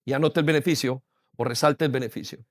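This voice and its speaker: A man's voice: mid-range voice, fairly even intonation, quick pace, dry recording, studio quality. A man, preaching a sermon as pastor with repeated phrases and rhetorical questions. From Colombia. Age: 40s. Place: church hall.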